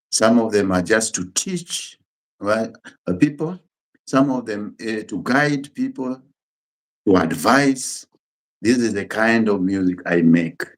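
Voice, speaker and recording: A middle-aged Kenyan man, a native Luo speaker, chats casually in an interview as a guest who is both musician and pastor. His voice is on the low side, and he talks in simple, unhurried sentences that often restart.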